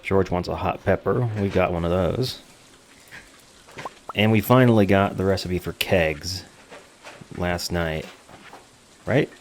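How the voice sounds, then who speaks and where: A man's voice: deep voice, takes it slowly, pauses often, slight background noise. A man hosting a gaming video with casual commentary, speaking informally and jokingly with free use of swearing.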